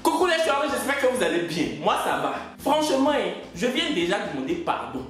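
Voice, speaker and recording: A woman's voice: fairly high pitch, very animated, fairly quick. A woman comedian delivering an emphatic, theatrical comic vlog monologue, repeating phrases for effect. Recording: echoey room with faint music.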